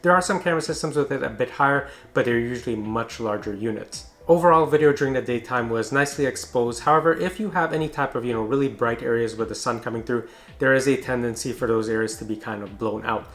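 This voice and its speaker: A man's voice: mid-range voice, quick pace, a bit bright. Man narrating a conversational product review. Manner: explanatory, informal.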